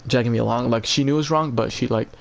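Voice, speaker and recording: A man venting casually on a livestream in an emotionally drained, halting, repetitive and profane way. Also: mid-range voice, creaky. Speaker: live streamer.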